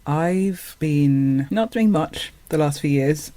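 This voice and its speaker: A man's voice: fairly high pitch, takes it slowly, warm tone, dry recording. Hesitant, thoughtful man speaking as a guest. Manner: thoughtful, hesitant, with many fillers. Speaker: actor and singer guest. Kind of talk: casual conversation.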